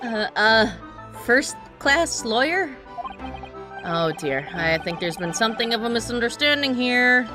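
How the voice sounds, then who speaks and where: A woman's voice: on the high side, very animated, measured pace, over music, pitched above the performer's own voice. A woman voicing a courteous, unsure young male rookie lawyer in a video game. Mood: awkwardly polite. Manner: hesitant, courteous.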